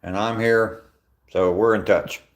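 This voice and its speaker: A man in his sixties, voice fairly low and a bit slow with fairly even intonation, is out walking and talking into his phone on a live stream. He reads viewer comments aloud and answers them in a relaxed, chatty way, with a dry sense of humor.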